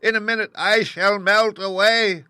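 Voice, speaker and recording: A man voicing a wicked old female witch in a storybook reading, with a shrill, wailing voice. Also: fairly even intonation, unhurried, pushed and bright, clean tone, dry recording, studio quality, exaggerated voice.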